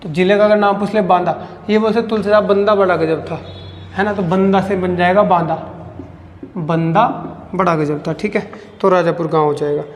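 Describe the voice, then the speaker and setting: A man with a high-pitched voice teaches exam-prep grammar in a lecture style. He asks his students questions, answers them himself, and drags out key words to drive them home. The recording rings with long room reverb. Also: steady tone, a little hiss or hum. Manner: repeats key phrases slowly for emphasis, asks and answers own questions.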